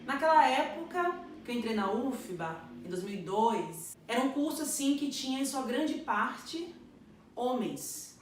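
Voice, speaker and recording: A woman's voice: fairly high pitch, very animated, a little slow, slight background noise. A woman in her thirties from Northeast Brazil, giving an earnest, reflective personal testimonial about her career in computing. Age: 30s. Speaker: computer science graduate. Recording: echoey room, distant mic.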